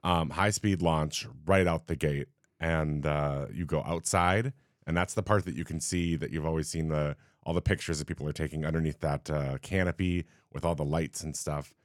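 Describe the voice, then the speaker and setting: Very deep-voiced man explaining at length. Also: steady tone, moderate pace, dry recording, studio quality. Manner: rambling explanations, many "um"s and restarts. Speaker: podcast co-host. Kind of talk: casual chat.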